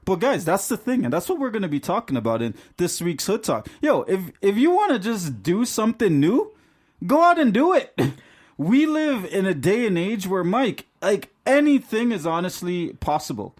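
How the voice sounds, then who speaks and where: A man's voice: sits high, big pitch swings, moderate pace, darkish tone. A young man from Trinidad co-hosting a casual podcast, upbeat and rambling, laughing often. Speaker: podcast co-host.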